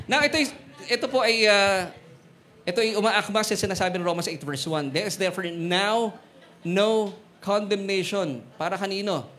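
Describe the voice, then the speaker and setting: A man with a Filipino accent preaching a sermon, mixing Tagalog and English, joking with the congregation and slowing down on Bible verses. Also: sits high, fairly bright tone. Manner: switches between Tagalog and English, jokes with congregation; slows to stress Bible verses. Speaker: pastor. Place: church hall.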